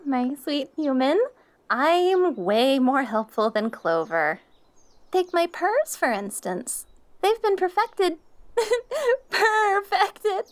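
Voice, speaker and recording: A woman's voice: sits high, full character voice. A woman playing a jealous, possessive catgirl in an audio role-play, smug and cutesy as she sweet-talks and bickers.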